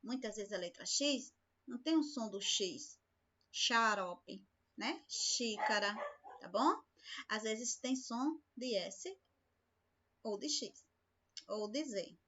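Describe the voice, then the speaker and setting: A slow, deliberate woman teacher speaks to her class in a bright, fairly high voice. She is patient and keeps asking the class questions. The sound is dull and lo-fi. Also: animated. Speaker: school teacher. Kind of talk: remote class lesson.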